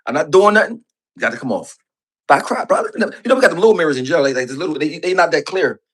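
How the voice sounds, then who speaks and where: A man in his forties with a New York accent, telling stories in animated casual chat, often stumbling and repeating words. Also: fairly high pitch, racing, breathy edge. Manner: laughs often, street slang.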